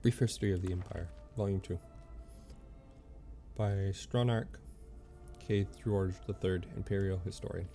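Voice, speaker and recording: Gravelly low-voiced man reading lore aloud. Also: steady tone, dark tone, faint music behind. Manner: halting reading with stumbles and self-corrections. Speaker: streamer.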